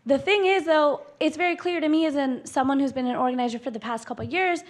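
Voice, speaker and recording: A young woman with an American accent and a very high voice rants in public. She is accusatory and threatening, like an activist speaking out at a council meeting. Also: fast.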